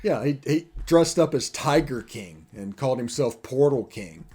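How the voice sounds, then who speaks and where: A man's voice: mid-range voice, lively intonation, moderate pace, darkish tone, husky. A man hosting a college football podcast in casual chat, joking with loose run-on sentences. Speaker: podcast host.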